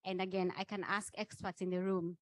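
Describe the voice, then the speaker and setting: A woman's voice: medium pitch, level tone, a little fast, no echo. A woman facilitating a training session, explaining points didactically and turning to the room.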